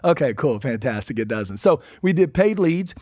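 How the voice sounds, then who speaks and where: A man hosting a real estate podcast, talking in an energetic, chatty way full of asides. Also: medium pitch, normal speed, dry recording, clean studio sound. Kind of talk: casual instructional podcast talk.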